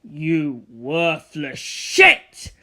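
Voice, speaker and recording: A man voicing a cruel, domineering male vampire villain in an audiobook, raging with snarling contempt and shouted abuse. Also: fairly high pitch, very animated, extremely slow, full character voice. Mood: scornful rage. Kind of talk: audiobook character acting.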